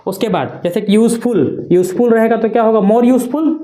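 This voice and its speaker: Woman teaching grammar, higher voice. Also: brisk, mellow. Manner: spells words letter by letter, repeats with "है ना". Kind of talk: classroom-style grammar lesson.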